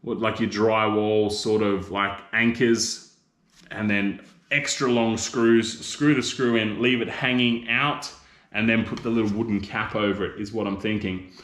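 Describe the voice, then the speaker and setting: A man's voice: fairly low pitch, steady tone, measured pace, fairly bright tone. A man in his thirties with an Australian accent hosting a casual live chat with viewers, rambling and teasing them with mate and bro. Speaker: livestream host. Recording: roomy echo.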